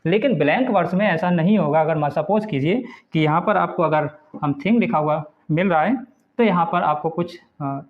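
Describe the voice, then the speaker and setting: High-voiced male teacher, tinny sound. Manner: explains patiently, reads English definitions slowly then explains in Hindi. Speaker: English literature teacher. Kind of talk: classroom lecture, Hindi with English readouts.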